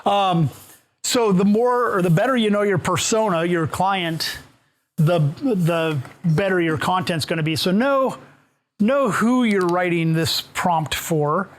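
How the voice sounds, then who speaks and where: High-voiced man presenting a workshop. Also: takes it slowly. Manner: casual, asks the audience questions, with fillers and restarts. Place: meeting room with a live audience. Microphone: room mic, moves around while talking.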